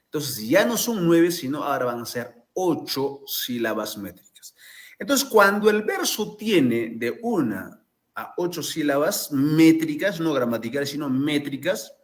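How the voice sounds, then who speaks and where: A man, a literature teacher explaining exam answers and often checking in with "isn't that right?". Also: mid-range voice.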